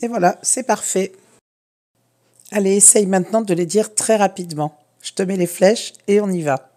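A woman teaching a reading lesson to young children, giving slow, clear, encouraging instructions. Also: mid-range voice, dark tone. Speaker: primary school teacher.

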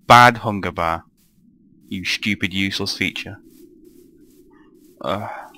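A man's voice: low-pitched, slow, bright, forceful tone. A young man giving rambling, grumbling commentary over his own gameplay, often swearing to himself. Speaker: gamer narrating a let's play.

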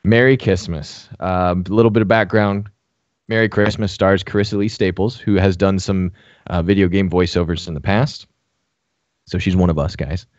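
A man's voice: low-pitched, fairly even intonation, moderate pace, no echo, highs cut off. A man co-hosting a casual podcast, chatting with many fillers. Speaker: podcast co-host. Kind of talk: casual chat.

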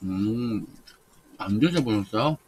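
A man's voice: fairly low pitch, lively intonation, slow pace, a little mellow, a little hiss or hum. A man reviewing food on camera in casual chat, talking with his mouth full in a playful, teasing way. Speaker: mukbang reviewer. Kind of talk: casual chat while eating.

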